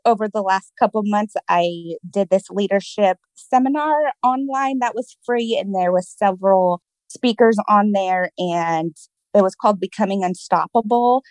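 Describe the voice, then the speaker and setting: A woman's voice: medium pitch, normal speed, a little mellow, no echo, low-quality recording. Cheerful woman guest, dry close sound. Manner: cheerful, positive, laughs often. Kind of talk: casual interview chat.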